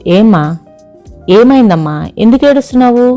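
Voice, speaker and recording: Woman narrator doing a worried, doting mother in an audio story, a touch higher than her narration, soft music behind. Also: moderate pace, natural voice. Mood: fussing. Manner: anxious, affectionate. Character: fond, fussing middle-aged mother.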